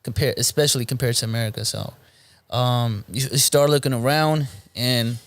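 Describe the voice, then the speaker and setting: A Belgian man in his late twenties whose native language is Moroccan Arabic chats casually as a rapper guest in an interview. His mid-range voice is relaxed but halting, full of ums and restarts, and the recording has no echo.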